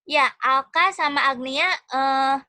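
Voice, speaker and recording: Bright high-voiced Indonesian woman teacher. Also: slow, no echo. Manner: affectionate, encouraging, calls students one by one. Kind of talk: online class teaching. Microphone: video call.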